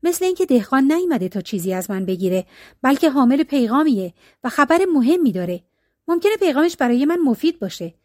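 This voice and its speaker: A woman's voice: sits high, very animated, a little mellow, no echo, clean studio sound. A woman reading a storybook tale, voicing a selfish, greedy rich male landlord who schemes and gives orders. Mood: curious. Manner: scheming, eager and commanding.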